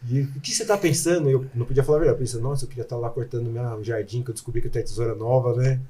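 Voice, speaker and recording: A Brazilian man, a podcast guest, telling a personal testimony in an animated, emotional way and acting out his prayers aloud. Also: medium pitch, racing, a little hiss or hum. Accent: Brazilian Portuguese.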